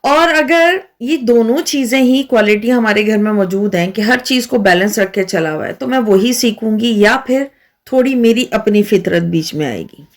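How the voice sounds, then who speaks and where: An earnest woman from Pakistan hosts a vlog, talking straight to her viewers. Her voice sits a little high. She keeps asking rhetorical questions as she makes her points. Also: animated, moderate pace. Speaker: vlog host. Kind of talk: casual talk to camera.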